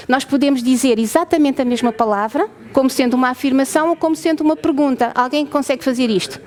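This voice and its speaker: A woman's voice: high voice, a little mellow. A woman with a European Portuguese accent, a researcher explaining her lab to visitors, often asking the audience questions and checking that they follow.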